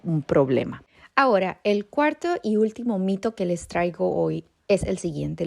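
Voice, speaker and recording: This Costa Rican woman, who hosts a podcast and teaches about bilingualism, speaks with a Costa Rican Spanish accent in a lowish, slightly creaky, mellow voice. Her informal educational talk is reassuring, and she often checks in with a rising "¿sí?". The studio-quality recording has no room sound.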